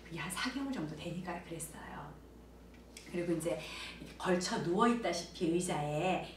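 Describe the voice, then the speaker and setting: A woman directing a child training center, explaining parenting methods to camera in an animated way and acting out bright exclamations to children. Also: lowish voice, normal speed. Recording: echoey room, voice a bit far from mic, faint background noise.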